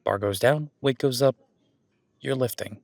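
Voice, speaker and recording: Unhurried and gravelly, a man voices an easygoing werewolf gym fan who's supportive of his partner, speaking at medium pitch with a casual, instructive mood. The conversational one-sided roleplay is reassuring and rambles through his own corrections, recorded very dry with little room sound.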